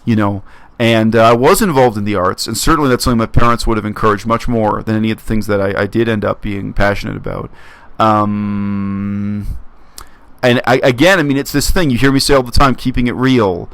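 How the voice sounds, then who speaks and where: A man from Canada talking earnestly to his viewers in a casual monologue, reflective and halting, often restarting his phrases. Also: lowish voice, fairly even intonation, creaky, a bit bright, clean tone, no echo. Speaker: YouTube commentator.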